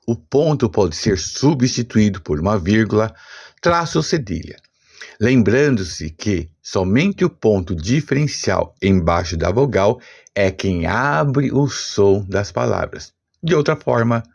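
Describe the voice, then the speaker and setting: Brazilian man teaching a language lesson, husky, lively intonation, slow and deliberate. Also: fairly low pitch. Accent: Brazilian Portuguese. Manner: slow, deliberate explanation with spelled-out examples.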